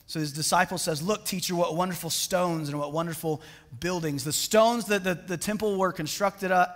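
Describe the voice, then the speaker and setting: A man's voice: on the high side, fairly bright tone. A man preaching a sermon in a casual, conversational way, often restarting his sentences with fillers. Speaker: pastor. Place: church sanctuary. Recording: reverberant church hall.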